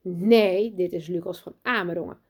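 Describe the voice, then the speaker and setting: A woman voicing a strict, pompous headmistress in a children's storybook reading, loud, high and commanding. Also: normal speed, husky. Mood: bossy. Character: strict pompous female headmistress, bossy and boastful.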